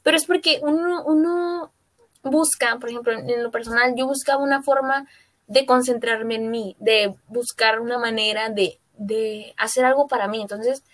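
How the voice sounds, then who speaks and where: A woman's voice: on the high side, steady tone, normal speed, fairly bright tone, dry recording. A Mexican woman co-hosting a podcast, telling a personal story in a rambling, filler-heavy way. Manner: rambling, full of fillers and self-corrections. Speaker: podcast co-host. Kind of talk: casual podcast chat.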